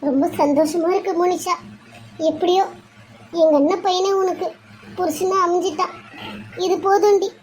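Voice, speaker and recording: A woman's voice: very high voice, fairly even intonation, moderate pace, pauses often, a little mellow, slight background noise. A woman voicing a tearful, anxious middle-aged mother in a cartoon serial, weepy and worried.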